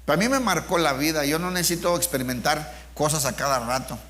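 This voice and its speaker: A man's voice: a little high, quick pace, fairly bright tone, a little hiss or hum. A middle-aged man, preaching an informal sermon with personal testimony, speaking conversationally and asking his listeners rhetorical questions.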